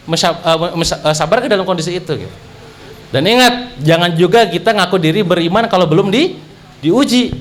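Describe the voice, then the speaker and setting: Brief: young man, high voice, animated storytelling speaker at a religious talk, joking straight at the audience. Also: slight background noise. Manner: animated, jokey, addresses audience directly.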